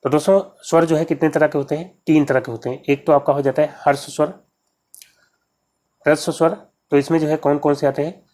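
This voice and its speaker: A man's voice: on the high side, little pitch movement, brisk, darkish tone. Man tutoring exam questions. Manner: explanatory, repeats key terms, often says "to jo hai". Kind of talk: exam-prep lesson, solving practice questions.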